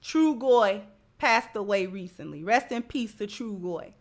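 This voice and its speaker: Her mid-range voice is expressive and unhurried. She hosts a livestream, reading out chat messages and giving impassioned commentary, emphasizing her points by repeating phrases.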